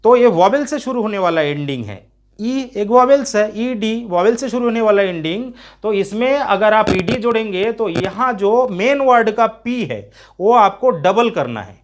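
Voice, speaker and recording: A man teaching an English spelling lesson, spelling words out letter by letter in a steady explaining tone. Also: sits high, moderate pace. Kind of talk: spoken grammar lesson.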